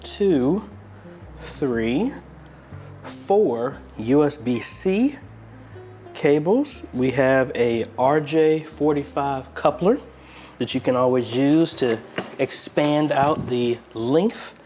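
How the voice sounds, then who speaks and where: Speaking very slowly in a medium-pitched, darkish voice, the American host stays animated as he unboxes a product in his apartment. He's a video host and church media ministry member, talking casually and off the cuff over soft background music.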